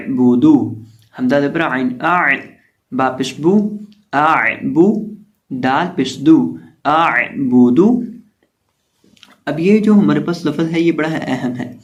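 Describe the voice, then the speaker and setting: Patient man teaching slow recitation. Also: a little high, a little mellow, highs cut off. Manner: spells out letters, then draws syllables out slowly; patient, repetitive explaining. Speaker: Quran reading teacher. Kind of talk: step-by-step recitation lesson.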